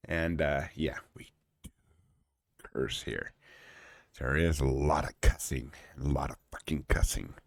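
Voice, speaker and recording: A man's voice: a bass voice, slow pace, gravelly, pauses often, no echo, clean studio sound. A man hosting his own live stream in casual chat, playful and joking, swearing freely. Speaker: streamer host.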